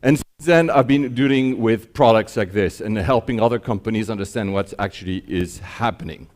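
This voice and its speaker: A keynote speaker from Geneva, a middle-aged Swiss man, addresses a conference audience from the stage in an informal presentation. His voice sits on the low side and sounds a little mellow at a moderate pace, while his delivery stays conversational and wry, poking fun at himself and asking rhetorical questions.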